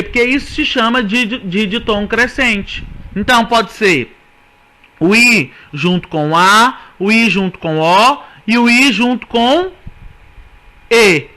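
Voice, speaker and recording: Male teacher, Brazilian accent, bright and sharp tone, patient step-by-step explainer. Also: sits high. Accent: Brazilian Portuguese. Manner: explanatory, repeats "certo?" to check understanding. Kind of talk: classroom lesson on poetry.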